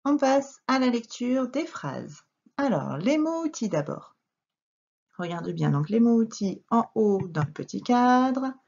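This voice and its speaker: A woman teaching French children to read, dictating words slowly syllable by syllable with lively emphasis. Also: a little high, creaky. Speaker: primary school teacher. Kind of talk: reading lesson for young children. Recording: dull lo-fi recording.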